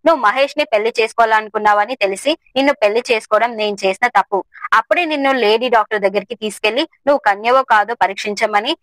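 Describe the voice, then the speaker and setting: A woman's voice: a little high, fast talker, a bit bright, no echo, lightly acted, low-quality recording. A woman voicing a young husband who is cruel and scornful, speaking in a sneering, harsh manner in a storybook reading.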